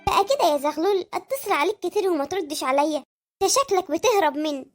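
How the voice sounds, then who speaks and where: Squeaky egyptian cartoon mistress, chipmunk-fast voice, coy and pushy. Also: expressive, faint music behind. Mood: coy demanding. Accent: Egyptian Arabic. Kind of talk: comic cartoon dialogue.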